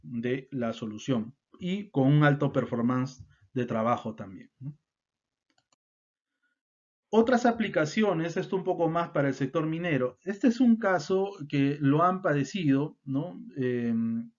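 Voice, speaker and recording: A man's voice: fairly high pitch, darkish tone. A man giving a technical lecture, explaining step by step and often tagging his sentences with questions and fillers. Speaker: instructor. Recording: dull lo-fi sound.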